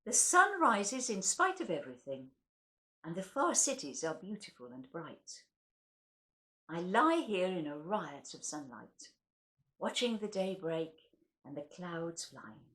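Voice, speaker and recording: A woman with a fairly low, sing-song voice and a fairly bright tone hosts a poetry recital, speaking a little slowly. Her readings are theatrical and wryly funny, framed by casual introductions.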